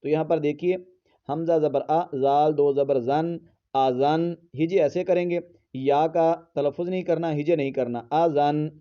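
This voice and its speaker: A man teaching Quran pronunciation in a tajweed lesson, patiently spelling out letters and breaking into slow, drawn-out melodic recitation. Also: on the high side, fairly even intonation, highs cut off.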